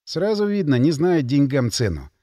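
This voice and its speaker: A man narrating an audiobook in the first person, wry and matter-of-fact. His voice sits a little high and moves lively through the phrases, recorded dry and close with no room. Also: moderate pace, no echo.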